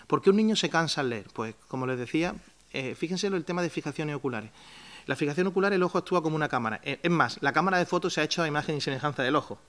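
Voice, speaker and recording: A man's voice: fairly high pitch, racing, a bit bright. Spanish man, press-conference presenter, explains patiently, restarts often, poses questions and answers them. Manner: explains step by step with many restarts and fillers; asks himself rhetorical questions and answers them. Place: town hall press room.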